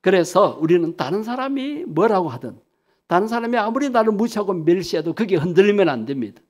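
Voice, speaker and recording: A man's voice: high-pitched, very animated, fairly quick, darkish tone. A male pastor preaching a sermon emphatically, leading the congregation in repeating phrases.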